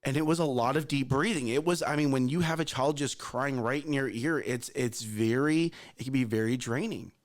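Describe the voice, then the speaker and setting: A man in his thirties, co-hosting a morning show, speaks at medium pitch and normal speed with few pauses. He shares a personal parenting story earnestly, repeating himself and talking directly to listeners.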